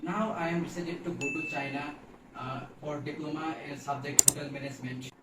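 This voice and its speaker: A man's voice: on the high side, steady tone, a little fast. A young man from Bangladesh with a Bangladeshi accent, introducing himself in broken, hesitant English as a student applicant. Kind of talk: self-introduction video. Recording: echoey room, distant mic, noisy.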